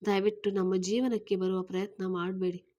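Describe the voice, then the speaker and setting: A young single mother speaks with firm, pleading resolve, close to tears, as a woman reading a story voices her. Her mid-range voice stays plain and steady. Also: mid-range voice, moderate pace, lightly acted. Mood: resolute.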